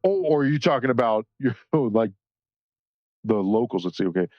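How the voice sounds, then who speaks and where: This man's mid-range voice is a little mellow, with lively intonation and a fairly quick pace. He colors on stream, chatting loosely, swearing, laughing a lot, and reading messages from chat, while faint music plays behind a slightly dull, echo-free recording.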